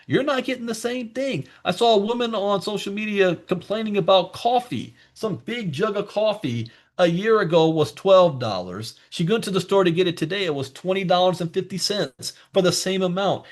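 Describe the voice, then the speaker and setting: A man hosting a live online crypto class, talking in a chatty, emphatic way with asides to his viewers. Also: high-pitched. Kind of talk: live online teaching session.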